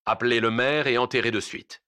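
A man's voice: mid-range voice, fairly even intonation, brisk, sharp tone, clean tone, close to an everyday voice. A man voicing an imperious justice of the peace giving curt orders. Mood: commanding.

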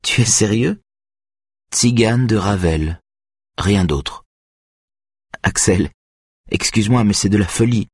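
Male reader playing an anxious young female violinist, higher and strained, audiobook. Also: darkish tone, breathy edge, no echo, studio quality. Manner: higher, tense, quick-tempered.

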